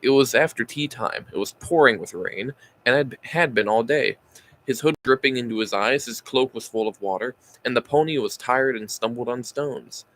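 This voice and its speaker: A tired man reading a novel aloud at a mid pitch, in a casual amateur audiobook style. He sighs often, trips over words and goes back to fix them. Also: normal speed, a bit bright, poor audio. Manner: sighing, stumbling over words and correcting himself.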